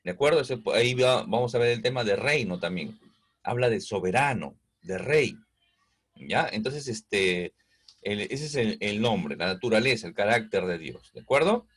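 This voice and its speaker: A man's voice: on the low side, lively intonation, slightly rough. A Peruvian man teaching the Bible. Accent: Peruvian Spanish. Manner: explains slowly with many fillers and "¿no?" checks. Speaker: preacher.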